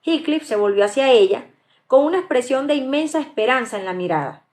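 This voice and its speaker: A woman's voice: high voice, animated, brisk, a little mellow. A woman reading a novel aloud live as an audiobook, now and then stumbling and correcting herself. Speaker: audiobook reader.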